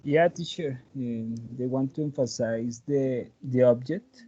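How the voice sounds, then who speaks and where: A man's voice: medium pitch, unhurried, warm tone, dull audio. A man answering questions and reading aloud as a student in an online English class. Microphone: video call.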